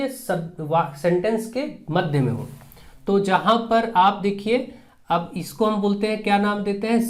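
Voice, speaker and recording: Hindi-accented male grammar teacher. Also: high voice. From India. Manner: explains step by step, repeating example sentences slowly. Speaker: English teacher. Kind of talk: exam-prep grammar lesson.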